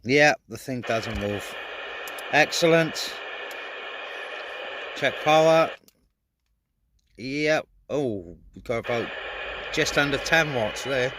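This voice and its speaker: On a windy hilltop beside a vehicle, a British man who vlogs about CB radio talks informally while setting up his gear. His medium-pitched voice has lively intonation, a slow pace and long pauses, and the handheld recording is noisy with wind and radio sounds.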